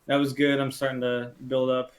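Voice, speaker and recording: A young man co-hosting a casual podcast chat, talking in a relaxed, rambling way with many fillers. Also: mid-range voice, normal speed. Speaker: podcast co-host.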